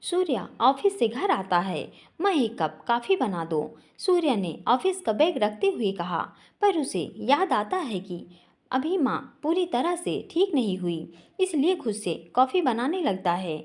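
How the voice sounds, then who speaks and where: A woman narrating a family drama story in an expressive, dramatic way. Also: high voice, measured pace.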